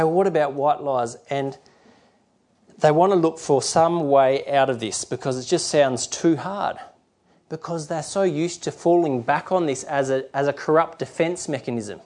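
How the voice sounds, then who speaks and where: A middle-aged man delivers a sermon in an easygoing, conversational way. He rambles and restarts, slipping into little acted-out quotes of other people. His voice sits a touch high for a man. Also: measured pace, darkish tone. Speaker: preacher.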